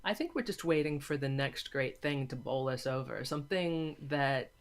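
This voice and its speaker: This woman's voice is very deep and her speed is normal. She makes audio dramas and is being interviewed, talking in a relaxed, energetic way and repeating words to drive points home.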